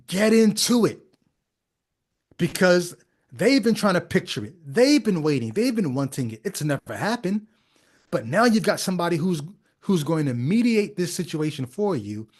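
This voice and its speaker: A man's voice: high-pitched, a little mellow. A man hosting a podcast, commenting on a sermon clip in a wry, sarcastic way. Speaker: podcast host. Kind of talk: casual commentary.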